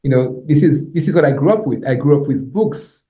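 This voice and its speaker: In an echoey indoor lecture room, a middle-aged guest lecturer with a Haitian accent, whose native language is Haitian Creole, teaches haltingly, repeating words and checking in with "you know" and "right?" His voice is a little high, animated, and warm.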